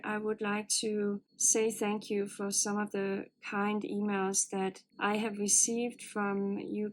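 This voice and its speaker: A woman gives her viewers a spiritual oracle card reading, sounding calm, earnest and gently encouraging. Her low voice is slightly hoarse, like she has a cold. The audio is poor, with a faint hiss or hum.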